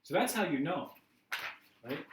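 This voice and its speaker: A man's voice: a little high, sing-song, measured pace, noisy background. A man teaching a class in a chatty, laughing way, acting out everyday scenes as examples. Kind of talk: casual teaching talk. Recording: roomy class recording from a distance.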